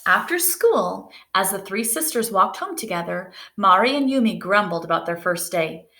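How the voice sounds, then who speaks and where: A woman reading a children's picture book aloud in a gentle, unhurried way. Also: mid-range voice, animated. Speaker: storybook reader. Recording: echoey room.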